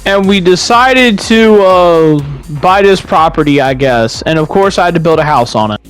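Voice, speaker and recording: A man's voice: sits high, normal speed, clean tone, faint music behind. A young man giving casual, rambling commentary over his own farming game footage, swearing freely and restarting his sentences. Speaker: gaming YouTuber.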